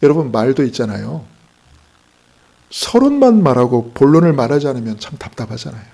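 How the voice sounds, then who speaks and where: A man preaching a Sunday morning sermon in a gravelly, fry-edged voice at a middle pitch. He puts rhetorical questions to his congregation and slips in joking stories along the way. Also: sing-song, fairly quick, mellow. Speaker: pastor.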